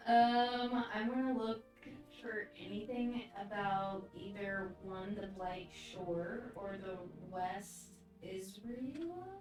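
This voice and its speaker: A woman playing a tabletop game, hesitant and soft-spoken. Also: mid-range voice, steady tone, slow, hardly any pauses, soft background music. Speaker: player. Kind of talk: casual tabletop game play. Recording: echoey room, mic far off.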